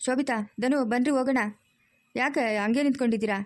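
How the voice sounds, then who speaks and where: A woman's voice: high voice, quick pace, dry recording, natural voice. A woman in a family web drama playing a young relative who earnestly pleads with family to come away. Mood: pleading. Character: pleading young relative begging siblings to leave.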